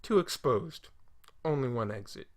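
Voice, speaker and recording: A man's voice: medium pitch, lively intonation, a little slow, no echo, lightly acted. A man playing a sarcastic, dry-humored wasteland scavenger. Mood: wry.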